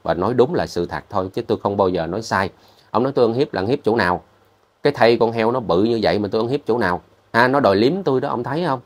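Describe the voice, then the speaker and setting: A man's voice: lowish voice, fast. A man, speaking as a vlogger in a heated rebuttal, defensive and confrontational, repeating his points.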